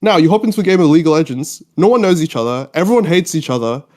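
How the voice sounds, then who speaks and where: Animated and very fast, his voice is on the high side with a darkish tone. The speaker is a twenty-year-old Australian man, Mauritius-born with time spent living in the UK, rambling informally as a podcast guest in casual chat.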